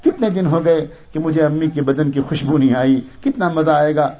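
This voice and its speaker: A man speaking as a young orphan boy, earnest and pleading, with a heartfelt tone. The voice sits fairly high. The recording sounds dull and lo-fi. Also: fairly even intonation, lightly acted. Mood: eager.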